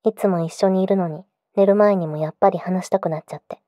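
A woman's voice: medium pitch, steady tone, fast talker, no echo, muffled recording, natural voice. A woman playing a clingy, possessive yandere girlfriend in an intimate pillow-talk role-play, coaxing and insistent. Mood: sweet, clingy.

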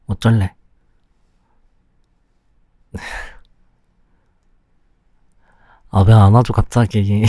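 A young man plays a pouty boyfriend who sulks and teases in a whispered role-play. He talks slowly and softly, close to a dry microphone. His voice sits at an ordinary male pitch. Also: no echo, lightly acted. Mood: embarrassed, sulky. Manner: slow, soft, close-up ASMR delivery with pouty complaints. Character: sulky, clingy young boyfriend, teasing and pouty.

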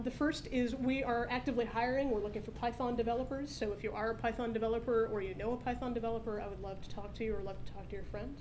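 Brisk woman presenting a product demo. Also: a little high, darkish tone, a little hiss or hum, poor audio. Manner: brisk, explanatory, upbeat. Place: conference stage at a meetup, indoors. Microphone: podium microphone.

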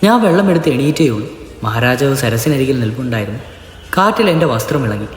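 A man voicing a frightened young servant woman who tells in a trembling, soft-spoken way what happened, in a storybook reading. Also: mid-range voice, sing-song, fast talker, natural voice. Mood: shaken. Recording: echoey narration with long reverb.

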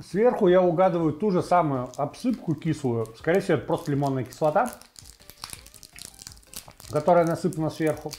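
A man in his forties hosting a casual tasting video in a home kitchen on a clip-on mic, thinking aloud in a halting way. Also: fairly high pitch, lively intonation, a little mellow. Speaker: host of a food tasting video. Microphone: lavalier clipped to T-shirt.

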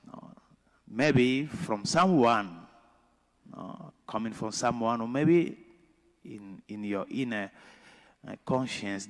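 Slow, low-voiced priest in a reverberant church. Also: male voice. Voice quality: slow, deliberate delivery with pauses. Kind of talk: gospel reading and homily. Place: large church.

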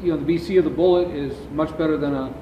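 A man's voice: a little high, fairly even intonation, quick pace. A middle-aged man, a company founder, answers interview questions at length in a large warehouse, filmed by a distant camera. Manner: explains at length, gesturing with his hands. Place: large warehouse with shelving, indoors. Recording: echoey warehouse, distant dull audio with background noise.

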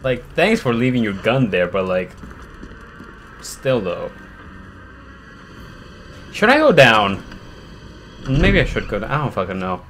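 A man narrates his own live horror gameplay, jumping between low grumbling and frantic, cursing yelps. His voice moves with a wide, lively pitch range, and faint noise sits under it. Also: slow pace, long pauses. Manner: panicky, cursing, yelps and rambles at the game. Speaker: streamer.

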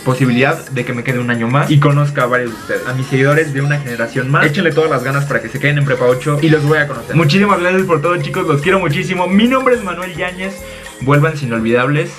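A man's voice: fairly high pitch, fast, faint music behind. A young man with a Mexican accent, talking casually and expressively to his viewers in a confessional vlog. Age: young adult. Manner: chatty and expressive, addresses viewers as friends. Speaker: vlogger.

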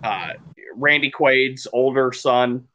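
On a muffled recording with slight background noise, a man co-hosting a casual podcast speaks slowly in a mid-range voice. He rambles through stories about people he's met, livening up when acting out what they said.

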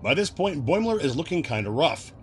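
A man hosting a casual recap video, chatty and quick to laugh as he explains references. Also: on the high side, sing-song, heavy background noise. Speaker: video host.

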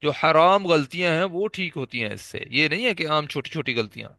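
A man with a Pakistani Urdu accent teaching a tajweed lesson, patiently explaining and slowly repeating letter sounds for practice. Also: on the high side, lively intonation, creaky, bright, forceful tone, dry recording, studio quality. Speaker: Quran recitation teacher.

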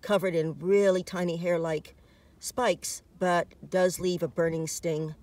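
A middle-aged American woman from a fitness department presents a dog hiking safety video, talking informally to camera in open desert beside trails and a dirt parking lot. Her fairly low, darkish voice stays level at a measured pace, recorded far from the mic with faint outdoor noise.

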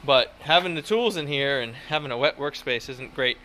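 Rambling casually with fillers and self-deprecating asides, a home builder vlogger in his thirties films his build at a wooded outdoor site using a phone at arm's length. His medium-pitched, sharp voice moves at normal speed, and the low-quality recording has a little hiss or hum.

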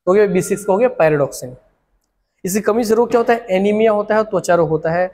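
Brief: young Chhattisgarhi male tutor, high voice, lively and repetitive, classroom reverb. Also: a little fast. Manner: animated, uses memory tricks and repeats words. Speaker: teacher. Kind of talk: exam coaching lecture.

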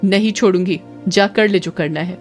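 A woman's voice: medium pitch, moderate pace, natural voice. A woman voicing a cackling, menacing witch. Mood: menacing, mocking. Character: cruel scheming witch mother-in-law, older woman. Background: faint background music.

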